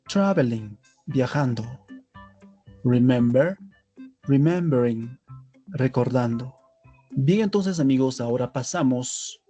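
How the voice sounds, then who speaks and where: A man's voice: mid-range voice, dark tone. A man narrating a scripted language lesson, spelling out letters and pairing each word with its translation. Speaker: English teacher.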